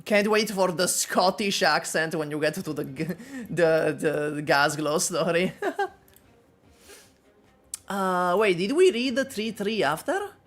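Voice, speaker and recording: A woman casually commenting on a game story she is reading for the first time, chatty and animated. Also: on the low side, measured pace. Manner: animated, chatty, laughs often.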